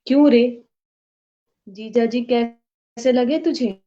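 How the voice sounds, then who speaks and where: A woman's voice: a little high, steady tone, slow, dark tone. Woman playing a pitiful hunchbacked woman. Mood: shy. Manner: wailing, pleading. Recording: dull lo-fi recording.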